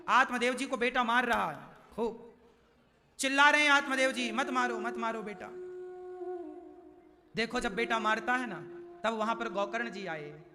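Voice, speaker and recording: A man's voice: sits high, long reverb tail. A man preaching a devotional sermon, telling a scripture story and chanting verses in a sing-song way, with asides to the audience.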